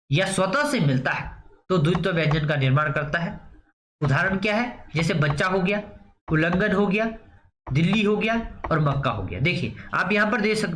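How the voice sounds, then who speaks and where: High-voiced male teacher in an echoey room. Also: fairly bright tone. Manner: repeats questions and answers them himself, frequent "theek hai". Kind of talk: exam-prep grammar lesson. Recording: roomy echo, faint background noise.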